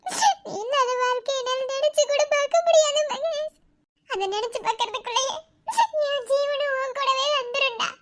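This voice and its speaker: A woman voicing a tearful young wife in an animated drama, pleading and sobbing. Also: normal speed. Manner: sobbing, pleading, high-pitched.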